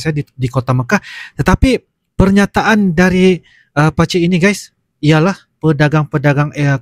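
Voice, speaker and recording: A man comments casually as a reaction host. His mid-pitched voice is recorded dry, and he explains things while addressing viewers directly. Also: dry recording. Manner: explanatory, addresses viewers often, short interjections.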